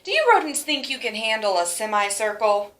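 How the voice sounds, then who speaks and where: A cool, kindly mouse schoolmaster from a storybook, read by a woman addresses his class with clear emphasis. The voice sits fairly high for the part, in a roomy, echoing space. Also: very animated, fairly quick, fairly bright tone. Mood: breezy, impressed.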